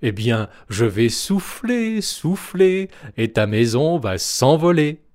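A man voicing a greedy, boastful big bad wolf in a storybook reading, loud and blustering. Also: medium pitch, big pitch swings, slow pace. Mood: menacing.

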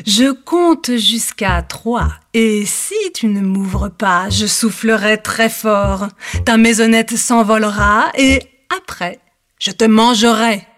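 Woman putting on a slow, sly big bad wolf. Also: medium pitch, a bit bright. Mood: threatening. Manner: slow, drawn-out, falsely sweet then threatening.

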